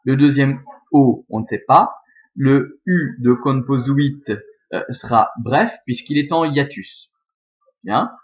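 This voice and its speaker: A man's voice: medium pitch, slow. Give me a man giving a methodical lesson, recorded with dull lo-fi sound. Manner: methodical, explaining step by step. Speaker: teacher. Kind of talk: scanning Latin verse in a recorded lesson.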